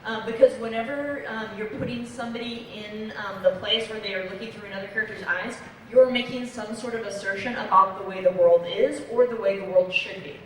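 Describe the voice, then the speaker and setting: An earnest young woman from Belgium explains her points on a comics panel, pausing often on fillers. Her voice rings through a big convention hall from a distant microphone. A steady wash of crowd noise sits underneath. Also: mid-range voice. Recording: echoey hall, distant mic, noisy.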